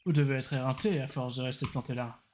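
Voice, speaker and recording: A streamer voicing a flirty male rock-star prosecutor from a courtroom game, in a low, suave drawl. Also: fairly even intonation, fast, darkish tone, slight background noise, lightly acted. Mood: flirtatious.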